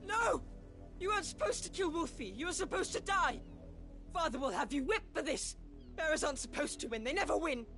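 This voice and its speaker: A woman's voice: sits high, expressive, a little fast, fairly bright tone, faint music behind. A woman voicing a spoiled, petulant young noble boy in a video game, whiny and bratty in manner. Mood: outraged.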